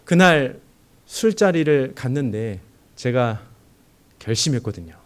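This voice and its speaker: Speaking a little slowly in a mid-range voice, a young man who serves as a junior pastor delivers a sermon built around his own story. He tells it with animation, performing the dialogue as he goes.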